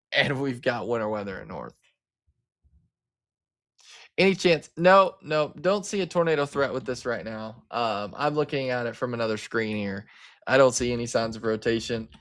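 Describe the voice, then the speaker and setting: A man's voice: medium pitch, fairly bright tone. Chatty man from Arkansas hosting weather stream. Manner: casual, chatty, talks to viewers as guys, frequent fillers. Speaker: livestream weather host. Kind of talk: live weather coverage.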